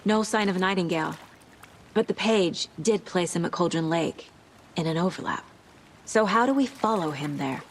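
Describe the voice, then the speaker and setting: A woman playing a composed, curious FBI agent in a video game, speaking in a measured, matter-of-fact way. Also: fairly low pitch, a little hiss or hum, lightly acted. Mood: focused.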